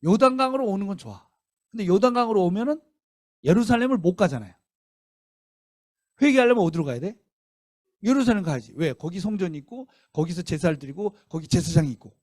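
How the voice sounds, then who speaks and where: A man preaching a revival sermon in a church, telling the story with lively rhetorical questions. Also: high-pitched, fairly quick, long pauses, no room sound, studio quality. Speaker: guest missionary preacher. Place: church sanctuary.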